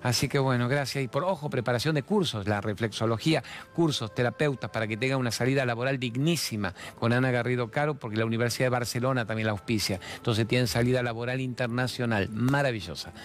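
A man in his sixties with an Argentine accent, hosting a TV talk show in a fast, playful, expressive way that moves from jokes to spiritual reflection. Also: medium pitch. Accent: Argentine Spanish. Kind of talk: chatty monologue with humorous anecdotes and sponsor mentions.

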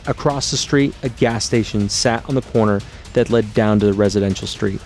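Low-voiced man reading a memoir. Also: brisk, a little mellow, faint music behind. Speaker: memoir author and narrator. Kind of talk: first-person memoir audiobook narration.

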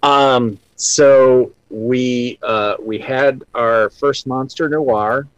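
A man co-hosting a casual chat, speaking haltingly with many fillers. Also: medium pitch, steady tone, smooth, no echo, lo-fi sound. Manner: lots of brief agreeing, halting speech. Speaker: podcast co-host.

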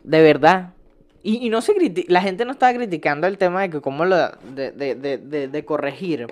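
A young man with a Venezuelan accent, ranting casually as a vlogger, swearing a lot, laughing often and stumbling over his words. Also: on the high side. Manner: profane, rambling, laughs often, restarts words. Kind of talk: casual rant.

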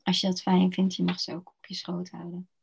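A woman guiding a slow body-scan relaxation meditation in a soft, soothing voice with long pauses. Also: lowish voice, monotone, vocal fry, husky. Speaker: meditation guide. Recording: dull lo-fi recording.

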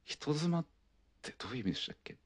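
A man's voice: fairly high pitch, sing-song, fast talker. A young man in his twenties hosting a solo podcast, telling a rambling, laid-back story with lots of fillers. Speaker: podcast host. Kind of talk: casual solo chat.

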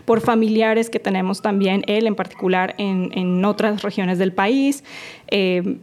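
A woman's voice: medium pitch, steady tone, measured pace, a little mellow. A woman in her forties from Colombia with a Colombian Spanish accent, a guest entrepreneur talking on a podcast interview, chatty and laughing often.

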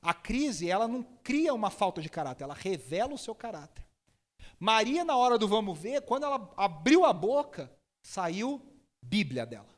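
High-voiced man preaching. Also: moderate pace. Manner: lively storytelling, impersonates people with sudden high shouts. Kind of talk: sermon.

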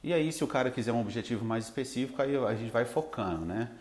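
A Brazilian man who teaches English, talking in a relaxed, rambling way with lots of fillers. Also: mid-range voice, fast talker, roomy sound. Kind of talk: casual podcast chat.

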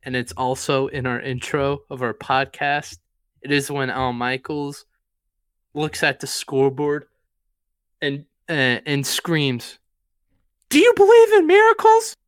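Slow, smooth-voiced man co-hosting a podcast. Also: medium pitch, no room sound, clean studio sound. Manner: relaxed, rambling, with fillers and swearing. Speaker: podcast co-host. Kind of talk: casual chat about movies.

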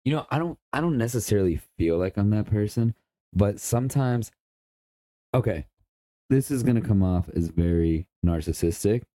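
A man's voice: on the low side, mellow, no room sound. A young man co-hosting a podcast in casual chat, crude and boastful, swearing a lot. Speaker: podcast co-host.

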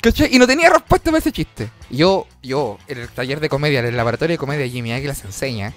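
A man with a Chilean accent, a comedian hosting a casual show, telling stories in an animated, slangy and profane way. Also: mid-range voice, quick pace, faint music behind. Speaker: comedian host.

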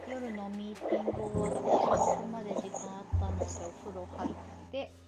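A woman's voice: medium pitch, fairly even intonation, fairly quick. A woman co-hosting a podcast in casual, conversational talk. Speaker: podcast co-host. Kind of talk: casual chat.

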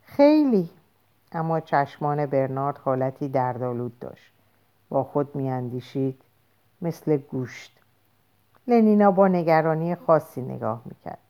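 A woman narrating a novel aloud in a measured, expressive storytelling voice. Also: a bass voice, clear, resonant tone. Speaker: audiobook narrator. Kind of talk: scripted narration.

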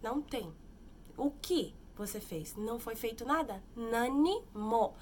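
A woman teaching a casual language lesson, explaining patiently and slowing down to model each phrase. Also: fairly high pitch, expressive, a little mellow, slight background noise. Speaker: Japanese teacher. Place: lives in Japan.

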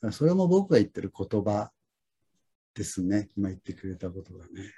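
A man's voice: lowish voice, big pitch swings, moderate pace, dark tone, breathy edge, lo-fi sound. A middle-aged man hosting a talk on lessons, telling stories in a reflective, rambling way with many fillers. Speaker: lesson host. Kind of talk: casual conversation.

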